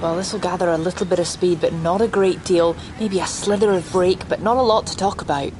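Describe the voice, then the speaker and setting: A woman giving on-course golf commentary, with clear outdoor noise behind her. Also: fairly low pitch, steady tone, brisk, lightly acted. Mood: assessing. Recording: noisy outdoor ambience behind the voice.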